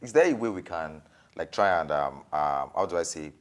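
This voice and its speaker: Deep-voiced hesitant man. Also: expressive, normal speed, smooth. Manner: hesitant, many fillers and restarts, agreeing often. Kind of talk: studio discussion.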